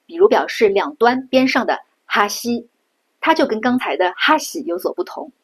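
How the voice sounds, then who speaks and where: A middle-aged woman from China giving a patient pronunciation lesson, slowing down and repeating sounds to show them. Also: on the high side, very animated, vocal fry, slightly rough. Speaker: Japanese language teacher.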